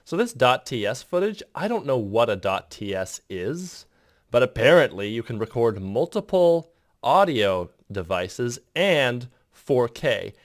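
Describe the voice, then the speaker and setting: A man talks through an editing tutorial in a loose, rambling voice-over, breaking off mid-thought and chuckling at himself. His pitch bounces around a lot. The recording is close and dry, with no room sound. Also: sing-song, measured pace, no room sound. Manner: rambling, self-interrupting, chuckling asides. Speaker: video editor explaining his process.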